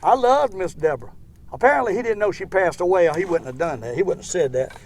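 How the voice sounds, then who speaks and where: A man's voice: high voice, expressive, quick pace, darkish tone. An older man with a Southern US accent chatting casually and ramblingly as he hosts an outdoor fishing vlog. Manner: folksy, rambling. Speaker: fishing show host. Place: outdoors in a boat on a lake. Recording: outdoor boat ambience, faint noise.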